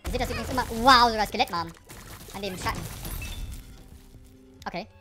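A woman giving let's play commentary on a game, excitable, shrieking at danger, then dropping to low mutters, with English phrases sprinkled in. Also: fairly quick, faint music behind. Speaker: gaming YouTuber.

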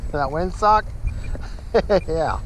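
A man hosting his own channel, chatting casually in a slow drawl while he flies a model plane at an outdoor airfield. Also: high-pitched, low-quality recording. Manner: slow, relaxed drawl with chuckles. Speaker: RC pilot and channel host. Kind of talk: casual commentary while flying. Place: outdoor airfield runway on a windy day. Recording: loud wind noise on the mic.

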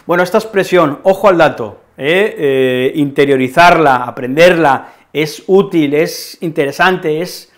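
A man with a Spanish accent teaching a language lesson to camera, expressive and often checking in with "¿vale?". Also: on the high side, a little slow, few pauses. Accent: Spain. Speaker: Spanish teacher, channel host.

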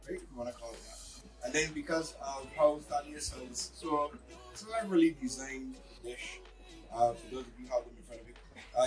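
Male mixologist, chatty, distant handheld mic. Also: medium pitch. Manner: casual, enthusiastic, says "right?". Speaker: mixologist presenting a cocktail. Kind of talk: presenting to dinner guests. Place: outdoor terrace at night. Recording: handheld mic from afar, music.

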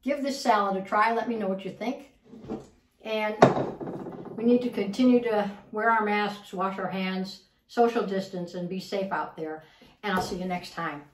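A woman's voice: mid-range voice, steady tone, normal speed, echoey room, far from the mic, noisy background. A woman hosting a casual cooking demonstration in a home kitchen, chatting and repeating words as she works. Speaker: cooking show host.

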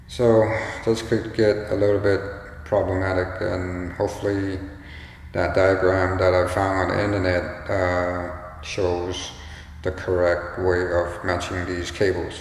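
A man talks slowly through a casual hands-on tutorial, his voice bouncing around a very echoey, hollow room. He is tentative and halting, feeling his way as he goes. His voice is fairly low with a gravelly creak. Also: level tone. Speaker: do-it-yourself demonstrator. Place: bare, echoey indoor room. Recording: strong echo, hollow reverberant room, faint noise.

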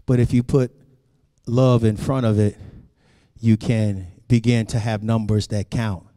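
In a church sanctuary with long hall reverb, a pastor delivers a sermon whose preacher's cadence rises into a sung, climbing style, frequently crying "Amen" to the congregation. He speaks a little slowly in a lowish, dark, level voice, with clean studio sound.

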